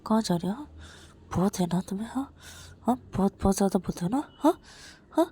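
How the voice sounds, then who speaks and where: A woman voicing a hot-tempered young man who angrily refuses and threatens, in a repetitive, shouting manner. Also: medium pitch, lively intonation, a little fast, breathy edge. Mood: menacing.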